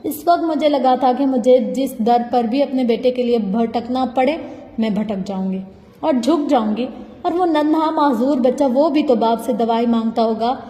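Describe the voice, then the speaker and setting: A woman narrates a novel in the first person with intense, heartfelt delivery. Her voice is fairly high and mellow. The recording rings with a long, roomy reverb. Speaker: audiobook narrator. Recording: echoey room with long reverb.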